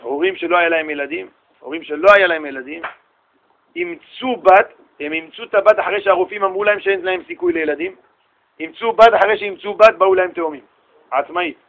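A middle-aged man from Israel giving a lively storytelling sermon as a rabbi, acting out voices and bantering with his listeners. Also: high voice, narrow, tinny audio. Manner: animated, acts out voices and shouts in stories, banters with listeners. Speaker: rabbi giving a Torah lesson.

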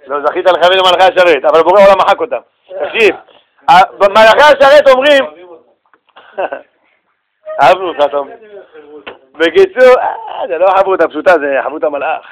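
Animated high-voiced man teaching a class. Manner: animated, questions the class and answers in quick bursts. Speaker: rabbi teaching a Torah class. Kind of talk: lively lecture with rhetorical questions.

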